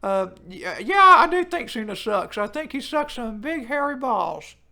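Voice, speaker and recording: A man doing a crude, excitable wrestling-obsessed loudmouth with a strikingly high voice that swoops up and down. He swears freely and bursts into sudden squeals of disbelief while chatting through a live stream. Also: a little slow, exaggerated voice. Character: brash loud-mouthed male wrestling fan persona. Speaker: livestream host reading chat.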